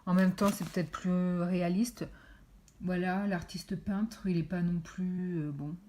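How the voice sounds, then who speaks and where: A woman talks through her monthly reading in a relaxed, chatty way, dotting her sentences with fillers. Her voice sits a little low and sounds warm and mellow rather than bright. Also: unhurried. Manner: chatty, many fillers, shows pages to camera. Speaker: book reviewer. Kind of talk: casual book review vlog.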